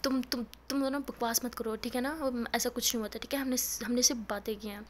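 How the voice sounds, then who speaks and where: A woman's voice: on the high side, steady tone, fast, slight background noise, close to an everyday voice. A woman voicing a flustered young woman in love, stammering denials and scolding her teasing friends.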